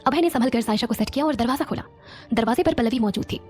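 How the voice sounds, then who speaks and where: A woman narrating a romantic audio series in a steady storytelling manner. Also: on the high side, fast, faint music behind.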